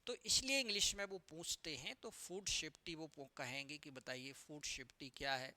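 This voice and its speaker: Working as an interview coach, a man gives an explanatory lecture, often ending sentences with a questioning "right?" and repeating "है ना" as a tag. He spells out abbreviations slowly, in a voice on the high side with a sharp tone.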